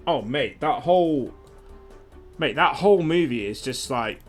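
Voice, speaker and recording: A man's voice: fairly high pitch, lively intonation, measured pace, soft background music. A young man streaming a game, chatting casually and animatedly, swearing freely. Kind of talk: casual gaming chat.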